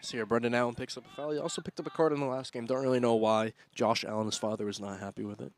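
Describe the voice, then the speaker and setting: Excitable young man calling soccer. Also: mid-range voice, fast. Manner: excitable, rising loudly on attacks. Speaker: student sports commentator. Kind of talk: play-by-play commentary.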